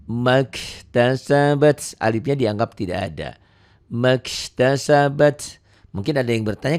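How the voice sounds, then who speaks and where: A man teaching Quran reading in a casual lesson, drawing out example words slowly between quicker explanations. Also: vocal fry. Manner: often trails off soft and low at ends of phrases.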